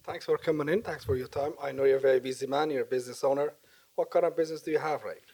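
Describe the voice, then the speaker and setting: A man's voice: medium pitch, racing, dark tone, husky. A man hosting a podcast, asking questions in a casual, teasing way. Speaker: podcast host. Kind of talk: casual interview chat.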